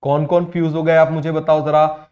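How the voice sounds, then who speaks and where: A man teaching biology in a quick call-and-response lecture, firing questions at students and repeating each answer himself. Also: a little high, level tone, darkish tone, dull audio.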